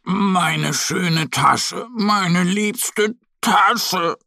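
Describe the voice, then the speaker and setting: A man voicing a gentle little male bear cub with a slow, drawn-out, whimpering delivery. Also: mid-range voice, sing-song, gravelly, slightly rough, no echo, clean studio sound, full character voice. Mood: tearful.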